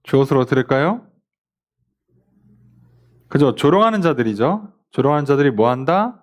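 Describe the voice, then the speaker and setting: A man's voice: medium pitch, moderate pace. Pastor guy teaching bible study in church, voice jumps all over, quizzes the class, mimics the mockers. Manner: animated, asks the class questions and mimics scoffers.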